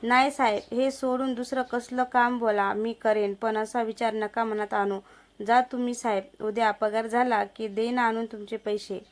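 A woman's voice: a little high, steady tone, normal speed, natural voice. A woman voicing a poor, hardworking village wife who pleads and stands firm in a story. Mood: pleading. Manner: pleading, defiant.

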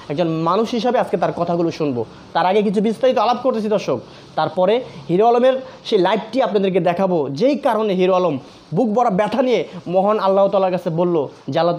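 A male commentary channel host, his voice sitting high and a little mellow, earnestly appeals straight to viewers in an emotional take on social media. He often repeats phrases for emphasis.

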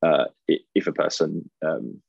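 A middle-aged Australian man gives a keynote conference talk over a webcam video call from an indoor office, hesitating with ums and restarting phrases. His very low voice has a husky edge. The recording is dull, lo-fi, dry and close.

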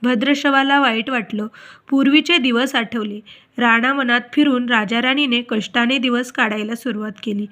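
A woman with a Marathi accent narrating a devotional story in a steady, measured storytelling manner. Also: a little high.

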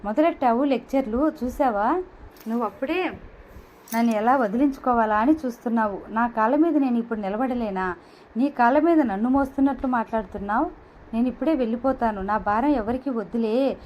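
A woman voicing a hurt, quick-tempered young woman in an audio novel, speaking in pleading and reproachful tones. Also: fairly high pitch, lo-fi sound, a little hiss or hum, natural voice.

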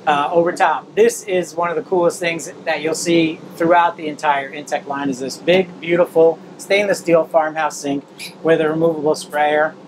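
A man's voice: fairly high pitch, level tone, normal speed, background noise. A man in his fifties presenting an informal walk-through product tour, explaining and pointing things out as he moves around. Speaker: presenter of a camper trailer tour. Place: at an outdoor RV display, in and around a small trailer.

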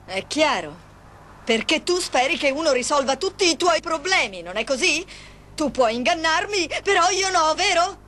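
Soap opera mistress: sly, defiant, highish voice with big swings, faintly noisy old soundtrack. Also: female voice, animated, normal speed, pushed and bright. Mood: sarcastic, defiant. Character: sly, sarcastic, defiant woman, a crook's lover. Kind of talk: dubbed TV soap opera acting.

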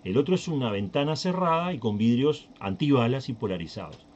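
A man's voice: mid-range voice, expressive, fairly quick, a little mellow, muffled recording, a little hiss or hum. A Uruguayan man hosting a tech channel, talking casually through a screen recording and thinking aloud with many fillers and restarts. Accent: Uruguayan Spanish.

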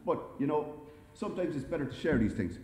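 A man reading a humorous story aloud to a live audience in a wry, lively way, recorded in an echoey library hall. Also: a little high, brisk. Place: library event space.

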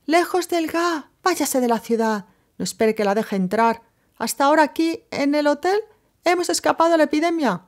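A woman's voice: high voice, expressive, moderate pace, voice pushed up. A woman voicing a frantic middle-aged hotel proprietress with a Corsican Italian accent, pleading and calling out. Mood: pleading, panicked. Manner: pleading, shouting from afar.

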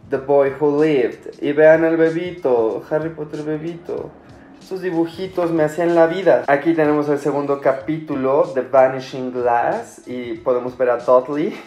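A man's voice: fairly high pitch, a little mellow. A young man with a Mexican accent chatting eagerly and nostalgically to camera as a book vlogger. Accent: Mexican Spanish. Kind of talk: casual unboxing chat to camera. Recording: roomy echo with faint music.

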